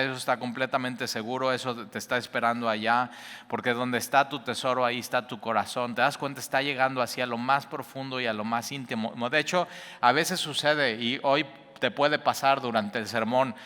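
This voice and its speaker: A man with a Mexican accent preaching a conversational sermon, casual and animated, acting out quoted reactions in colloquial asides. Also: medium pitch, fairly quick, long reverb tail. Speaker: pastor.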